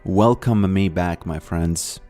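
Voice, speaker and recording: A man from Latvia, streaming a game and chatting casually in a halting way, repeating words and filling pauses. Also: low-pitched, mellow, faint music behind. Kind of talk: casual live-stream chat.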